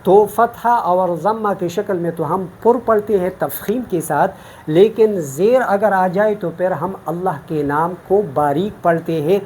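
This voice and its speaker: A woman's voice: lowish voice, a little mellow, slight background noise. A woman from Pakistan teaching Quran recitation in an online lesson, explaining each rule patiently, step by step.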